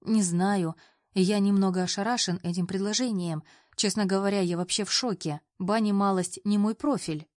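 A woman's voice: medium pitch, normal speed, a little mellow, dry recording, clean studio sound, lightly acted. Woman voicing a wry young man. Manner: wry, joking.

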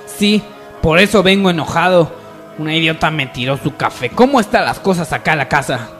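A man's voice: a little high, animated, brisk, a bit bright, soft background music. A man playing an emotional, irritable young wealthy heir in grief, in amateur radio soap opera acting. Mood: irritated. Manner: emotional, melodramatic.

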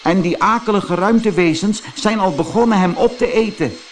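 A man's voice: moderate pace, soft background music, lightly acted. Man doing a small, eager satellite. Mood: earnest. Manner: earnest, high and bright. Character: small eager male satellite, polite and worried. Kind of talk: storybook character voice.

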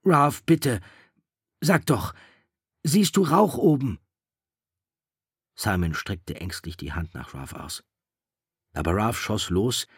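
A man narrating a novel in a measured, steady storytelling voice. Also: sits low, slightly rough, dry recording, clean studio sound.

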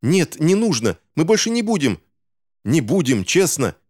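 A man's voice: mid-range voice, very animated, fairly quick, mellow, pitched above the performer's own voice, close to an everyday voice. A man voicing a brave young girl who pleads urgently. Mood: pleading.

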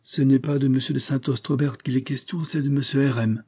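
A man's voice: mid-range voice, fairly even intonation, brisk, warm tone, husky, pitched above the performer's own voice. A man reading aloud voices a stern, furious middle-aged father who speaks in an angry, demanding way.

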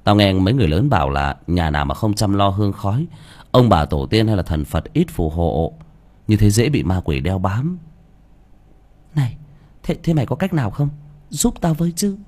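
A man's voice: lowish voice, sing-song, moderate pace, darkish tone. A man voicing a frightened young village woman who stammers and pleads. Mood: worried pleading.

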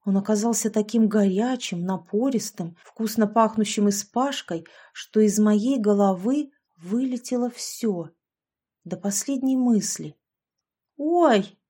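A woman reading a story aloud, narrating and voicing the dialogue of several characters in a lively way. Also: medium pitch, measured pace, slightly rough. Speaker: audiobook narrator. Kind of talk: scripted narration with acted dialogue.

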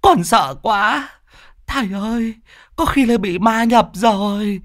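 A man voicing a loud, frantic village woman in her fifties, pleading and sobbing for help. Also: sits high, takes it slowly, pitched above the performer's own voice. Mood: pleading wail. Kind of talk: storytelling voice acting.

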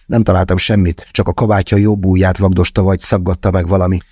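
A man narrating a first-person thriller audiobook in a measured, tense way with slow, deliberate pauses. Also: deep voice, little pitch movement, darkish tone, husky, no echo, studio quality.

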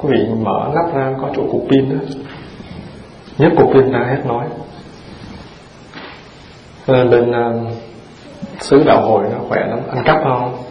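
A man's voice: mid-range voice, fairly even intonation, measured pace, long pauses, slight background noise. A man, a Buddhist monk giving a dharma talk, firing rhetorical questions at his audience in a folksy, humorous way. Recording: roomy dull hall recording with audience present.

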